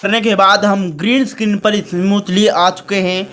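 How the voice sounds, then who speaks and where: Narrating his screen recording, this how-to host talks to viewers as friends in a chummy way. His voice sits high and is fairly bright, with fairly even intonation and a normal speed.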